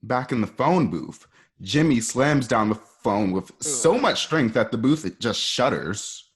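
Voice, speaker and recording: A man with a husky voice narrates a radio play, reading its scene directions conversationally. His pitch is medium, his delivery expressive, and his pace measured.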